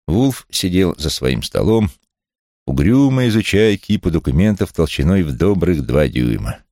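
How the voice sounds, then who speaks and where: A man's voice: a bass voice, darkish tone, no echo, studio quality. A man reading an audiobook, telling a first-person story in a wry tone. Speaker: audiobook reader. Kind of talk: scripted audiobook narration.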